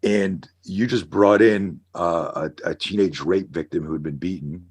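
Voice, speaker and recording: A middle-aged man on a podcast, an animated storyteller who acts out scenarios as he talks. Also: low-pitched, unhurried, slightly rough. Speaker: guest, self-defense instructor. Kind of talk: casual podcast conversation.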